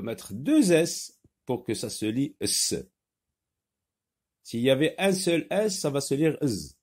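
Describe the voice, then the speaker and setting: Slow, lively-voiced male phonics teacher. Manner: slow, carefully over-articulated words, lively rising and falling pitch. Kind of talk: phonics lesson for young children.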